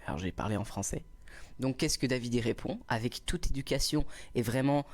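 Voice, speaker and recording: A young man telling a story on a live stream in casual chat, animated and laughing often, acting out a quarrel loudly, on a small clip-on mic indoors. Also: mid-range voice, fairly quick. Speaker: livestreamer.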